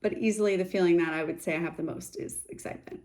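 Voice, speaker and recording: A woman's voice: lowish voice, fast, darkish tone. A woman in her thirties, a startup founder, talking openly and reflectively in a casual to-camera vlog. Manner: open, reflective, chatty. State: sick, congested voice.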